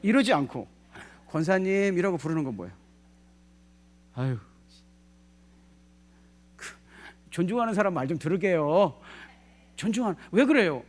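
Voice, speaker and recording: A male pastor preaching a sermon in a lively way, putting questions to the congregation and acting out what people say. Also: sits high, normal speed, long pauses. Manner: lively, asks the congregation questions, acts out quoted speech.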